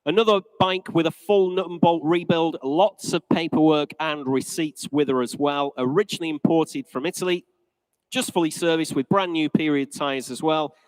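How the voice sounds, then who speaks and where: Smooth-voiced male auctioneer calling bids. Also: fairly high pitch, fairly even intonation, normal speed, no room sound, rough recording. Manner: polished, courteous auctioneer's patter.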